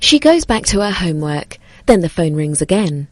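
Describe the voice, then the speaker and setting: A woman narrating a scripted horror story in a measured, suspenseful way. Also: lowish voice, very animated, no echo.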